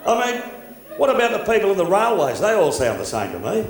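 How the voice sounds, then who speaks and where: Brief: Aussie comic mid-routine, fairly high voice, big echoey hall. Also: male voice, wildly swooping pitch, a little hiss or hum. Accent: Australian. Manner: chatty, quick, joke-telling. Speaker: stand-up comedian. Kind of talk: stand-up comedy routine. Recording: echoey hall with faint ambience.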